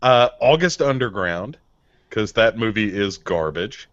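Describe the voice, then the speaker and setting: Male co-host, relaxed and profane, dry and slightly dull recording. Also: fairly low pitch, measured pace, no echo. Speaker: podcast co-host. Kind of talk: casual chat.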